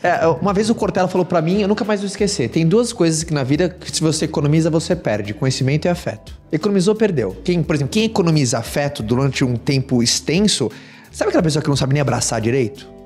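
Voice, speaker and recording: A man with a Brazilian Portuguese accent hosts a casual podcast, his voice higher than most men's and swinging widely in pitch. He talks quickly and keeps the conversation moving with questions. Faint music sits underneath. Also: lively intonation, darkish tone.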